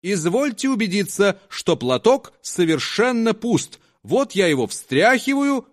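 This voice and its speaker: A man's voice: high voice, very animated, measured pace, pitched above the performer's own voice. A man voicing a poor, hungry conjurer who talks in a shaky, pleading showman's patter.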